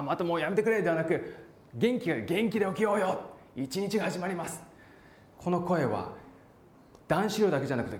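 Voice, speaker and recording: A man preaching a sermon, animated, acting out voices and calling out for emphasis. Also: on the high side. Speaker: pastor. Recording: echoey hall.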